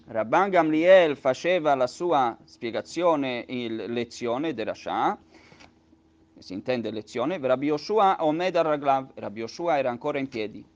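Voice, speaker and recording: A man's voice: mid-range voice, animated, a little slow. A man teaching a lesson on a religious text. He reads each phrase in Hebrew and then explains it at length, with many patient restatements. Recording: dull lo-fi recording.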